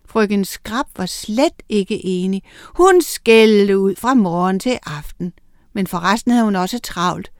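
Clear-voiced woman reading a children's story. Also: medium pitch, no room sound, clean studio sound. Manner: lively expressive reading aloud.

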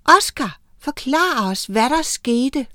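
A firm schoolteacher addresses her class in a read-aloud storybook , voiced by a woman narrator. The voice sits a little high, and the dry, close recording leaves no room sound around it. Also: expressive, sharp tone, no echo. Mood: calming.

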